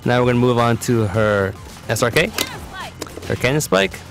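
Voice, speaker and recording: A competitive gamer with a mid-range voice presents a character guide at a moderate pace. He explains the game in a casual, matter-of-fact voice-over with game music behind him.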